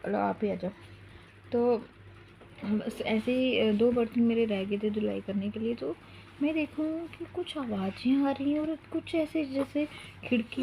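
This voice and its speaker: A woman's voice: fairly high pitch, dark tone, a little hiss or hum. A young woman telling a long, rambling story at home in a casual vlog, stopping now and then to coax her small child. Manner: chatty, rambling, breaks off to coax her toddler. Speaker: mom vlogger.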